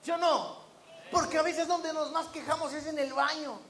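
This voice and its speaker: A man's voice: very high voice, steady tone, normal speed, fairly bright tone. A man preaching a sermon to a congregation, throwing out rhetorical questions and acting out the voices of the people in his stories. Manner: acts out quoted voices of others.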